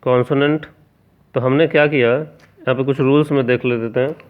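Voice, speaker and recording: A man's voice: medium pitch, fairly even intonation, normal speed, clear, resonant tone. A man teaching a grammar lesson who spells words out letter by letter and keeps asking the class rhetorical questions. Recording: tinny phone-like sound.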